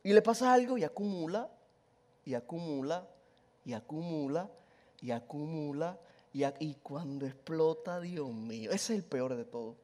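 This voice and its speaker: A man preaching a lively, humorous sermon, telling stories and asking the congregation rhetorical questions. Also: on the high side, normal speed.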